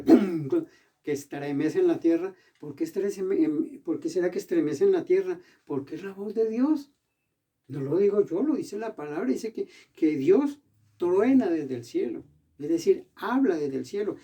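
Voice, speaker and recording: A man preaching a sermon in a church, with emphatic bursts, slowing down to read scripture aloud. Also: a little high, dark tone, distant mic.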